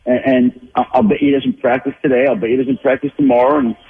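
A man phones in to break down the week's football, voice husky and a little breathy. The line is thin and tinny, like a call patched into a radio studio. He talks in loose, restarting sentences, doubling back on his words as he thinks. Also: medium pitch, sing-song, quick pace. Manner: thinking aloud with many restarts and repeated words. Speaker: NFL insider guest. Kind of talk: phone-in sports analysis.

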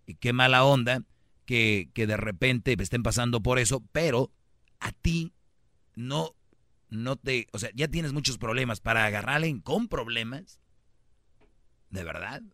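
A man with a Mexican accent hosts a call-in radio show, handing out blunt, teasing advice. His voice is bright and forceful, and it sits close and dry on a studio mic. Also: medium pitch, measured pace, long pauses, dry recording. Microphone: studio microphone.

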